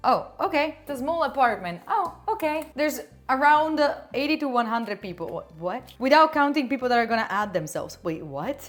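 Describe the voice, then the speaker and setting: A young woman in her twenties, chatting casually at home as a streamer, animated while she tells stories. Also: high-pitched, fairly quick, few pauses. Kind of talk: casual vlog storytelling. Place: home kitchen.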